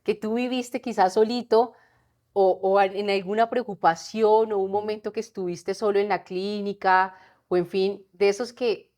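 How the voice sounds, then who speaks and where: Gentle woman hosting an interview. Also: medium pitch, fairly even intonation, normal speed. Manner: gentle, coaxing, asks openly. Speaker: podcast host.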